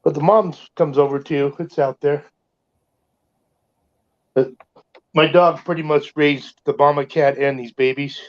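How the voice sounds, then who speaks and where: Folksy man with a slightly high voice. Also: fairly even intonation, measured pace, pauses often. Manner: folksy, joking, salty. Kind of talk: casual chat. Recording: dull lo-fi audio.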